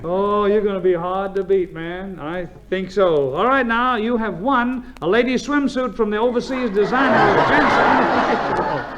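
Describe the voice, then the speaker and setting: An American man hosts a radio quiz show, joking and bantering breezily with contestants in a high-pitched, unhurried voice with few pauses. It's an old radio broadcast, with music, a studio audience and crowd noise in the background.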